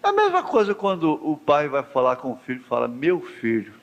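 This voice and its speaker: A male pastor preaching a sermon, swinging between soft low talk and high fervent cries, with a Brazilian Portuguese accent, recorded in a church. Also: wildly swooping pitch, quick pace, gravelly, dull audio. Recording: echoey church hall recording.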